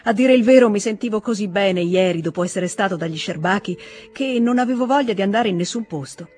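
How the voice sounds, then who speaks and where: A man's voice: sits high, fairly quick, a little mellow, soft background music, pitched above the performer's own voice, close to an everyday voice. A man reading the lines of a cool, offhand young aristocratic officer in an audiobook. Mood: easy.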